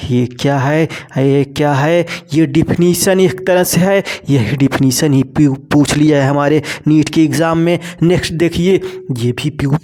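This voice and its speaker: A man's voice: fairly high pitch, darkish tone. Man teaching biology, asking and answering. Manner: repeats key terms, asks and answers own questions; talks to students as "bhai sahab" and "beta". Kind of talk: exam-prep lecture.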